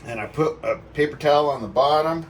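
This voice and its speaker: A little fast and somewhat high-pitched, a man talks viewers through a recipe in a casual cook-along. He's a home cook with a folksy manner, tossing in playful sound words and exclamations; the recording has a distant mic and slight background noise.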